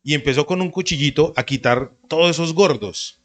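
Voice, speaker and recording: A man preaches a sermon. His delivery is animated and conversational, and he jumps into short acted-out quotes. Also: on the high side, fairly quick. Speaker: pastor.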